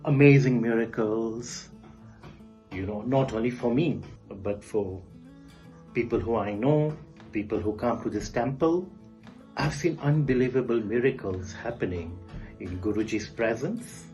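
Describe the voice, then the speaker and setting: A man in his forties, a podcast guest, recounting a personal experience in an earnest, halting way with frequent pauses. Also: medium pitch, a little mellow, muffled recording, soft background music. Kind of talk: spoken personal testimony.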